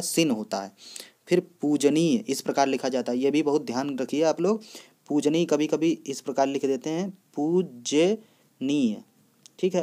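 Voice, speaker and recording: A man teaching an exam-prep spelling lesson in a steady, instructive way, repeating set drill phrases. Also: medium pitch.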